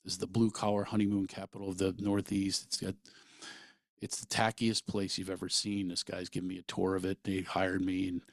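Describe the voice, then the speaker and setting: A middle-aged man from Pennsylvania hosting a podcast, telling stories in an animated, rambling way full of asides. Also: deep voice, a little fast, no room sound. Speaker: podcast host, comedian. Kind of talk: storytelling monologue.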